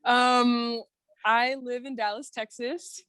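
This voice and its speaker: A woman's voice: on the high side, fairly even intonation, slow, a bit bright, clean tone, no room sound. A woman, a guest and guitarist, chatting in a laid-back, hesitant way on a video call. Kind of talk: casual chat.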